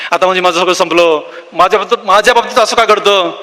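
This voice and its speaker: A man's voice: high voice, fairly quick, bright, forceful tone. A man voicing a despairing student who complains after failing an exam, in a self-pitying way. The voice echoes through a hall.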